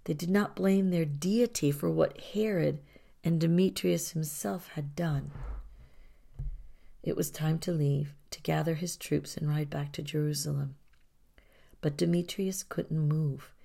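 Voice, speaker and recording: Low, slow, gravelly woman narrator. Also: steady tone. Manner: somber, soft, often near a whisper. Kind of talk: scripted storybook narration.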